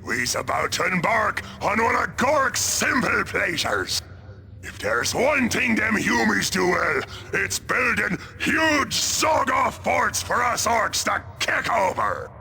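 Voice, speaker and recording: In a heavily acted video game cutscene, a man voices a brutish, boisterous ork warboss and his gang, bellowing crude, ungrammatical lines in a gravelly, shouty Cockney voice. He sounds gleeful and belligerent, pitched high and very animated yet slow-paced, with faint music behind him.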